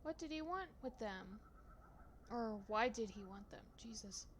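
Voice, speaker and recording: Casual young woman game streamer, bright-ish pitch, loose talk, noisy line. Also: animated, measured pace. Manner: chatty, swears casually, talks to her dog. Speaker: gaming streamer. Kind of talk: casual let's-play commentary.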